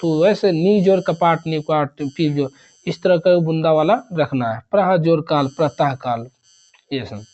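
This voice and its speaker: A man's voice: on the high side, measured pace, a little mellow, muffled recording. A man teaching an exam revision grammar lesson, rattling off examples one after another and repeating terms.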